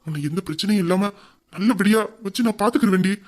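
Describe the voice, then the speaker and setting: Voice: mid-range voice, fast talker, darkish tone, close to an everyday voice. Someone voicing a protective, loving young groom. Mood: tender, reassuring. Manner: teasing, reassuring, tender. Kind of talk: audio drama acting.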